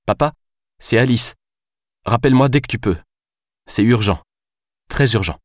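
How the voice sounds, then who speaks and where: A man's voice: mid-range voice, a little slow, no echo, clean studio sound, voice pushed up, close to an everyday voice. A male narrator voicing a determined young woman police captain.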